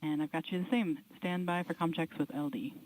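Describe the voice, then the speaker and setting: A woman's voice: low voice, steady tone, brisk, a little mellow. A woman ground controller making procedural astronaut radio calls for comm checks over a radio loop. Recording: faintly noisy radio loop.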